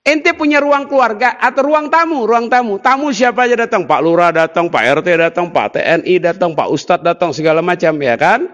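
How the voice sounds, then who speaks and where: A man giving a sermon, lively and teasing as he jokes with the audience. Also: sits high, brisk, few pauses, big-room sound, lo-fi sound. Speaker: preacher.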